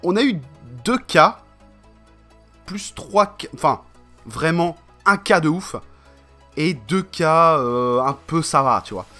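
A man from France talks loosely to his viewers, drifting from point to point with slang and constant fillers. His voice is bright and forceful and sits a little high. Faint music plays underneath. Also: expressive, slow pace, long pauses. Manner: rambling, slangy, full of fillers. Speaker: vlogger. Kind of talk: casual vlog chat.

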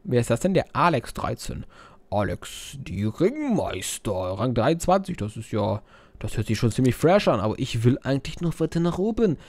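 With a medium-pitched, sing-song, slightly mellow voice at normal speed and no echo, a young let's player gives laid-back game commentary. He reads viewers' messages in funny voices, swearing heavily and joking crudely.

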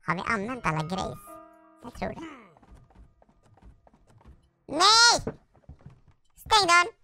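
A woman commenting on a video game as she plays, excitable, often shrieking and teasing the character chasing her. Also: on the high side. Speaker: gaming video host. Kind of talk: let's play commentary. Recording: loud game music behind the voice.

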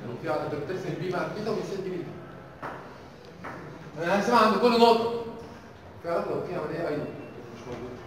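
A young Egyptian man leads a university engineering tutorial in a large lecture hall, constantly firing questions at the class. His high, animated voice moves very fast with long pauses, and a distant room mic captures it in an echoey hall with a noisy background.

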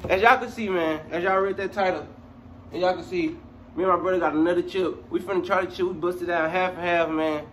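Young guy vlogger, swears a lot, slangy, bit high voice, faint noise behind. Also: fairly even intonation, brisk, a bit bright. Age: young adult. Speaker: video host. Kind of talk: casual vlog intro, slangy and profane. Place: indoor room at home.

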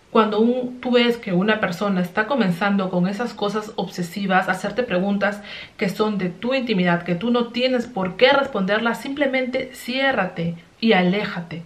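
Young adult woman, vlogger, confessional storytelling, earnest, chatty, mid-pitched voice. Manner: earnest, chatty, tags lines with "¿no?".

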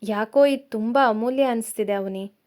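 A woman voicing a young man who is a gentle, teasing fiancé in a storybook tale, speaking quickly and softly. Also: on the high side, natural voice. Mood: soft earnest.

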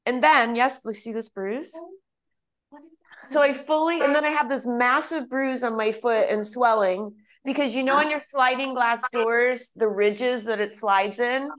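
A woman in her fifties leading a live online exercise class from home, chatting and laughing before calmly cueing each move. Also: fairly high pitch, unhurried. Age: 50s. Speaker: fitness instructor.

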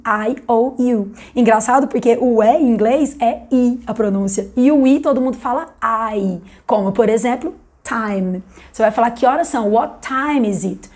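A Brazilian English teacher with a voice on the high side and a darkish tone chats through a video lesson, slowly repeating English words for emphasis.

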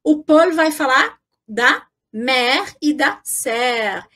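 A woman with a Brazilian Portuguese accent teaching an online French lesson. She is lively and encouraging and slowly models French phrases for the viewer to repeat. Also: high voice.

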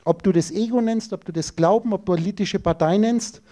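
A man's voice: sits high, brisk, mellow. A man giving an esoteric lecture, emphatic and rhetorical, speaking straight to his listeners.

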